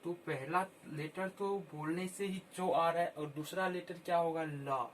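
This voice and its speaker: A man teaching children how to spell words, repeating each word slowly and clearly. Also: on the high side, steady tone, slight background noise. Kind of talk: slow, patient Hindi spelling lesson.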